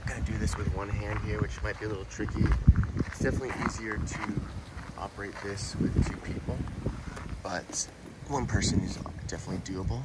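On a handheld phone outdoors, a product reviewer casually shows off a rooftop tent, working its parts by hand and explaining as he goes. He starts beside a car and ends up inside the tent. His lowish voice is brisk, and the recording is very noisy.

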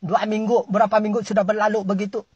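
Sabahan comic ranter, husky and exasperated, scolds an unseen listener with jumpy pitch, recorded dry. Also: level tone, fast, a little mellow, no echo, lo-fi sound. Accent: Sabahan Malay. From Sabah, Malaysia. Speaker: comic storyteller. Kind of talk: comic ranting monologue.

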